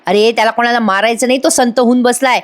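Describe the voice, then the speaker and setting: A woman's voice: fairly high pitch, steady tone, quick pace, natural voice. A woman voicing a nervous young male accomplice who delivers bad news urgently. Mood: grim.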